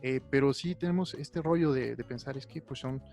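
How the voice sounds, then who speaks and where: A young man with a Mexican accent co-hosting a podcast, talking in an animated, slangy, opinionated way. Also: medium pitch, moderate pace, creaky. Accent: Mexican Spanish. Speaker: podcast co-host. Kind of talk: casual chat. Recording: faint music behind.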